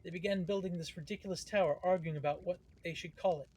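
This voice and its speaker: A man's voice: high-pitched, steady tone, quick pace, a little mellow, slightly rough. A man reading out a shaken stout merchant. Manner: read aloud plainly, close to his own voice. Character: shaken stout middle-aged male merchant. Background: game music.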